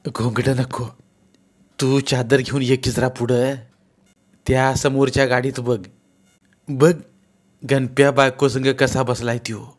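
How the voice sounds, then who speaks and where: A man's voice: medium pitch, lightly acted. A man voicing a village husband who talks to his wife in a coaxing, teasing way.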